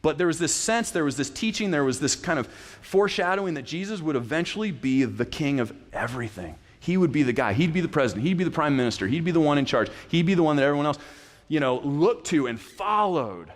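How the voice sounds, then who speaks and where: Lively pastor preaching in a reverberant hall. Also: male voice, fairly high pitch, fast. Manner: animated, casual, restarts phrases. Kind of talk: conversational sermon. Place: church sanctuary.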